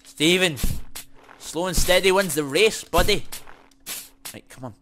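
A man giving excitable, sweary commentary while playing a game, muttering to himself as he goes. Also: high-pitched, unhurried, soft background music. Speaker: gaming YouTuber. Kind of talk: casual let's-play commentary.

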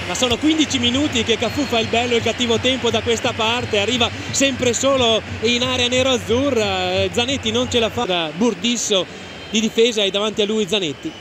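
A man with an Italian accent gives analytical football co-commentary. His voice sits very high for a man, with clear stadium noise behind him. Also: fairly quick. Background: stadium ambience.

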